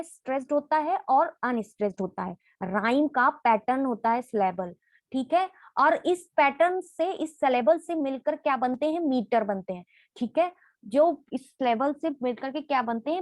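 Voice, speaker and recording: A woman's voice: sits high, no echo, low-quality recording. A woman teacher giving an exam-prep literature lesson, asking a question about each point and then answering it herself. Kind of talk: exam-prep lesson in Hindi mixed with English.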